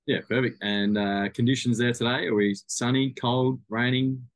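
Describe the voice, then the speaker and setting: A man's voice: mid-range voice, steady tone, normal speed, no echo. Bantering Australian man, dry close sound. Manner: jokey, bantering interviewer. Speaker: podcast co-host. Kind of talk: casual podcast chat.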